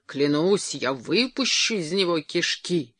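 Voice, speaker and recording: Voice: medium pitch, lively intonation, a little slow, a bit bright, slightly rough, no echo. A reader voicing a drunken, blustering brother in an audiobook, growling and cursing. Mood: furious. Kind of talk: audiobook character voice.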